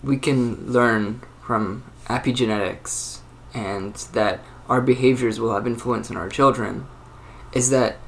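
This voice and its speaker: Young man, early twenties, hosting his own channel; musing unscripted monologue, halting and reflective, average pitch. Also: gravelly, a little hiss or hum. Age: 20s. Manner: rambling and thoughtful, many fillers and restarts. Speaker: channel host. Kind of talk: casual solo monologue.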